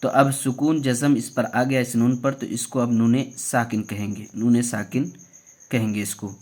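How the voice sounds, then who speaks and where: A man teaching Quran reading, spelling out each letter and vowel mark and repeating every syllable, stretching the example words and dropping softer for explanations. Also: medium pitch, steady tone, normal speed. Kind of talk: slow spelled-out recitation lesson.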